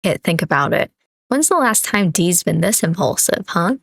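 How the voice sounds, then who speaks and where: A woman's voice: fairly low pitch, big pitch swings, normal speed, creaky, fairly bright tone, husky, no echo, heavily acted. A woman voicing an earnest, playful young student who pleads with a friend, in a visual novel. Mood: pleading.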